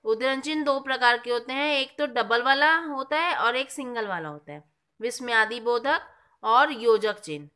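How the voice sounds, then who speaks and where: Woman teacher, slightly high, bright voice, patient, quizzes the class as she explains. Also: expressive, moderate pace. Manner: explains patiently, asks the class questions and answers them herself. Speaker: school teacher. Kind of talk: classroom grammar lesson.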